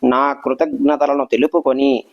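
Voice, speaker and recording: A man's voice: mid-range voice, little pitch movement, a little slow, vocal fry, lo-fi sound. Humble devout woman, grateful, respectful, voiced by a male reader.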